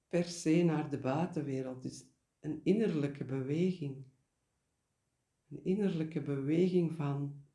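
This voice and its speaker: A man leads a guided meditation in a soft-edged, mellow voice. He speaks very slowly and deliberately, leaving pauses and repeating key words. The room adds a noticeable echo around him. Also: fairly high pitch. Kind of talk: guided meditation, spoken reflection.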